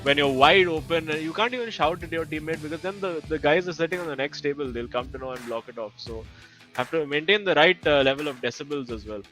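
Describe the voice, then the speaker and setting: A man's voice: on the high side, expressive, fast, sharp tone, low-quality recording. Esports co-commentator, male, rambling analytical chat over faint music. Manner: chatty, many fillers and restarts.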